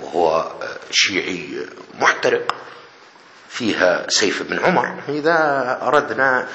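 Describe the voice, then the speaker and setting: A man's voice: on the low side, big pitch swings, a little slow, sharp tone, muffled recording. A man, a professor giving a critical lecture-style talk in a sarcastic manner. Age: 40s. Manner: sarcastic, mimics dialogue. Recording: echoey hall with faint noise.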